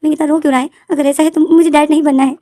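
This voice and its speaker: A petulant man-child who whines and sulks like a little boy, as a woman puts him on. His voice sits well above hers, pushed loud and rushed. A storytelling narration, dry and close. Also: sits high, level tone, no echo, pitched above the performer's own voice, lightly acted. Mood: whiny refusal. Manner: whining, crying protest.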